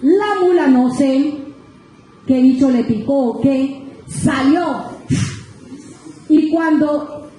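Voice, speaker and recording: A very high-voiced woman with a Colombian Spanish accent preaches as a guest speaker, her tone soft and mellow. She tells her story in an animated way, calling the listeners brothers and sisters. The sound rings through a large, very echoey church hall. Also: extremely slow, pauses often, slight background noise. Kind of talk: sermon testimony.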